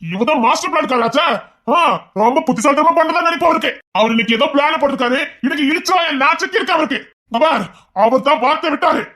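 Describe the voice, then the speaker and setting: A woman's voice: sits high, fast, fairly bright tone. A woman voicing a hot-tempered middle-aged man, a maternal uncle who blusters, threatens and boasts about his family line in an audio family drama. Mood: threatening.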